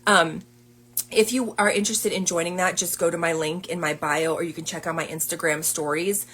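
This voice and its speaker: A woman's voice: lowish voice, steady tone, fairly quick, a bit bright, husky. A woman business coach chatting casually on a livestream, upbeat and full of fillers.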